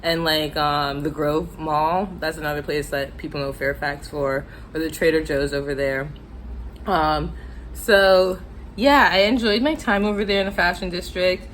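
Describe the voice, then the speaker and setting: A woman's voice: sits low, fairly even intonation, unhurried, fairly bright tone, a little hiss or hum. An American woman telling a casual, chatty, self-deprecating story to viewers while eating, her mouth sometimes full. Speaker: mukbang vlogger telling stories.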